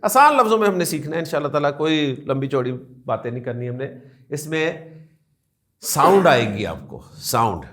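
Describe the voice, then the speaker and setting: Man, high voice, classroom teacher, questions the class, repeats key points. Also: expressive, fairly bright tone. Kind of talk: classroom lecture.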